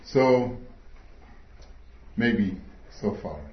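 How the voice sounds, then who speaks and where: Middle-aged man, English, slow deliberate sermon, lowish voice, dull roomy sound. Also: lively intonation. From Switzerland. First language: not English. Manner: slow, earnest, pauses often with fillers. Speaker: speaker at a church meeting. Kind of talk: sermon talk.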